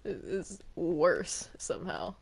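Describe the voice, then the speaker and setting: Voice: mid-range voice, big pitch swings, slow pace, vocal fry, slight background noise, full character voice. A performer voicing Bendy's hesitant, put-upon cartoon ink demon in an improvised game roleplay, stammering and complaining. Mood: nervous grumbling.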